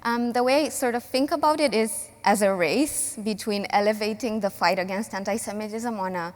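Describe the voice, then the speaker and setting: Taking part in a panel discussion as a civil society voice, a woman from Romania speaks earnestly and deliberately in a mid-range voice. Frequent pauses and fillers mark her speech, and the room leaves a long reverb tail.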